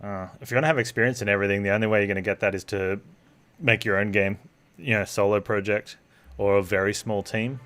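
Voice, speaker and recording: A man's voice: fairly low pitch, fairly even intonation, quick pace, fairly bright tone. A man livestreaming a game, chatting casually with his viewers as he plays. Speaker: game streamer.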